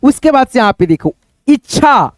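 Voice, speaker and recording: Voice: medium pitch, moderate pace, dry recording, clean studio sound. A reading teacher, giving a chatty read-aloud lesson and drawing out syllables.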